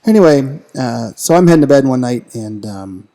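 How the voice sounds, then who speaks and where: A man's voice: mid-range voice, animated, normal speed, dark tone. A man co-hosting a casual podcast, talking enthusiastically and jokingly with lots of fillers. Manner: enthusiastic, jokey, many fillers. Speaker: podcast co-host.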